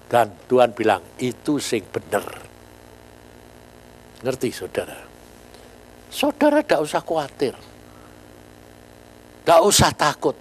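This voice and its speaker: A man's voice: mid-range voice, slow, long pauses, a little hiss or hum, rough recording. An older man preaching a sermon in with a lilt, telling stories animatedly and often asking the congregation questions. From Indonesia. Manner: animated storytelling, jumps to near-shouts, asks the congregation questions. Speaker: pastor.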